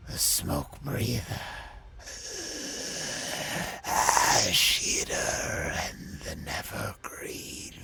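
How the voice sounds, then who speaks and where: A man voicing a spiteful female swamp hag in a slow, hoarse, taunting whisper. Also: rumbling low, animated, pitched below the performer's own voice, exaggerated voice. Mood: menacing taunt.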